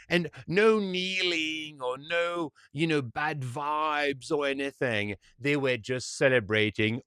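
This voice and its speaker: Male commentator, animated storyteller, dry mic. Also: fairly high pitch, no room sound. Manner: animated storytelling, frequent fillers and restarts. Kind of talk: casual monologue commentary.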